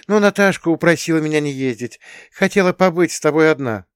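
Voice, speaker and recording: A man voicing an affectionate, shy young wife who speaks softly and bashfully. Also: on the high side, animated, fast talker, clear, resonant tone, no room sound, studio quality, pitched above the performer's own voice, close to an everyday voice. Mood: tender. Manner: soft, bashful.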